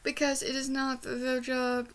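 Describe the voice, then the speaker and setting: A woman's voice: high voice, monotone, measured pace. A young woman chatting casually in a rambling review vlog, with trouble saying her R's, which come out like W's. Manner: trouble pronouncing R sounds, says w for r. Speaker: book reviewer. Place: small bedroom, indoors.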